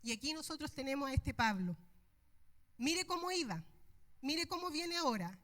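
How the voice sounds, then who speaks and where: A middle-aged woman delivers a sermon from the pulpit in a high, bright-toned voice. She preaches with passion and leans hard on her key words. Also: animated, normal speed. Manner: impassioned, emphatic preaching.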